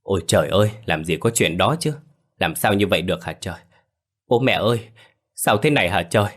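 A man's voice: lowish voice, normal speed, natural voice. A man voicing a scheming young wife who fakes tearful grief with wailing, sobbing pleas in a told story. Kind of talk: storytelling with acted dialogue.

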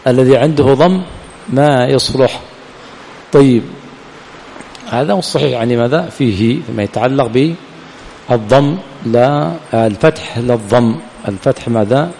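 A man's voice: medium pitch, creaky, darkish tone, a little hiss or hum. Man teaching a class in a reverberant hall. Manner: quizzes students, asks and answers his own questions. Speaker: teacher of hadith and grammar. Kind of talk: classroom lesson with questions to students. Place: lecture hall of an Islamic study center. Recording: long hall reverb, faint room ambience.

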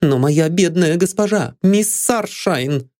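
A woman's voice: rumbling low, expressive, moderate pace, dark tone, voice pushed up. A man voicing a loyal, passionate young maid who defends her dead mistress, in an audiobook reading. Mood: tearful. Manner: earnest and pleading.

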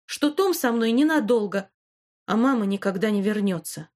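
A woman's voice: mid-range voice, animated, normal speed, darkish tone, close to an everyday voice. A woman reading an audiobook, voicing a rebellious, distraught teenage girl who turns defiant, then desperate. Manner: sulky, then desperate and sobbing. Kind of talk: audiobook character voice.

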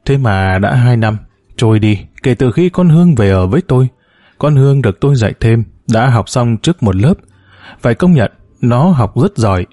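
A man narrating a first-person story in a plain, steady audiobook reading. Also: mid-range voice, normal speed, no echo, studio quality.

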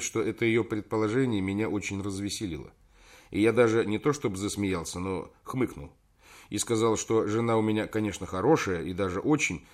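A man narrating a first-person story as an audiobook, turning emphatic when he voices the dialogue. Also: fairly low pitch.

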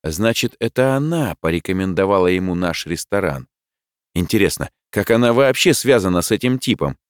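A man narrating a first-person novel in a wry, expressive way. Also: deep voice, a little fast, dry recording, studio quality. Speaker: audiobook narrator.

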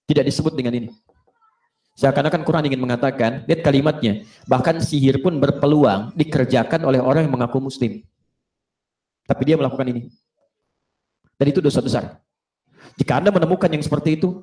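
A male Islamic preacher giving a lively religious lecture to a live audience, asking them questions and acting out short dialogues. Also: medium pitch. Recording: roomy echo of a hall.

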